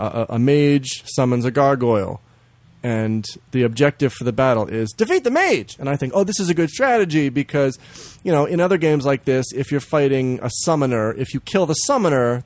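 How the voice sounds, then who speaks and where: A man co-hosting a podcast in casual chat, swearing freely, laughing often and jumping into high silly voices to mimic games. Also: expressive, moderate pace, darkish tone, no echo. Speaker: podcast co-host.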